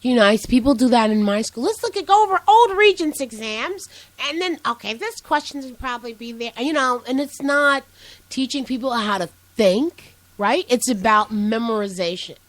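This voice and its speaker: A woman co-hosting an online radio show, an educator who jumps in quickly to finish thoughts. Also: fairly high pitch, lively intonation, no echo, poor audio. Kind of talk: casual radio chat.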